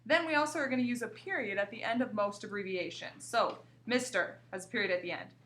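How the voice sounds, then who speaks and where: A woman teacher giving a recorded grammar lesson to young pupils, explaining slowly and reading example sentences aloud. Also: mid-range voice, a bit bright. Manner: slow, clear explaining with examples read aloud. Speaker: grade school teacher.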